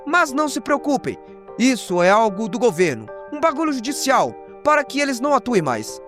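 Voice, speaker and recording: A horror recap channel host with a Brazilian accent narrates in an extremely high voice with big pitch swings, talking fairly quickly over music. His scripted storytelling is dramatic and slangy, sprinkled with playful asides.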